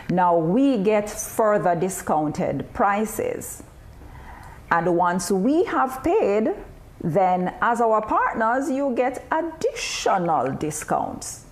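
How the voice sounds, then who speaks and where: A woman leads a webinar over a video call. She explains things slowly and deliberately in a fairly low voice, with an upbeat, persuasive tone. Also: a little mellow. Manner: measured, explanatory, upbeat sales pitch. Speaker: training presenter. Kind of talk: webinar presentation.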